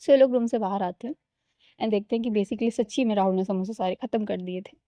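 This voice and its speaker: A woman's voice: medium pitch, fairly even intonation, a little fast, dark tone, no room sound. Chatty woman narrating a love story. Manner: chatty, addresses listeners as guys, mixes English. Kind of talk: casual spoken story narration. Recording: slightly dull lo-fi recording.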